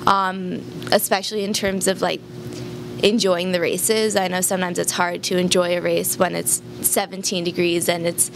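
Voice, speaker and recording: A woman's voice: fairly low pitch, flat delivery, normal speed, creaky, background noise. A teenage girl, a senior skier, answering interview questions in a chatty, easygoing way. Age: teens. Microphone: handheld mic.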